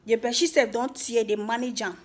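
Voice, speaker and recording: A woman's voice: fairly high pitch, fairly even intonation, fairly quick. A woman with a Nigerian accent speaks Nigerian Pidgin in an informal, emphatic rant to viewers, teasing and repeating words for effect. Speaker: vlogger giving social commentary.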